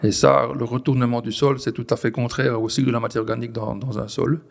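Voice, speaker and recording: A man in his forties with a Belgian French accent, a farmer explaining his work in an interview, pausing and restarting often. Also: mid-range voice, flat delivery, creaky. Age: 40s. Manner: hesitant, many restarts and fillers. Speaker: farmer, guest. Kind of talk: conversational interview.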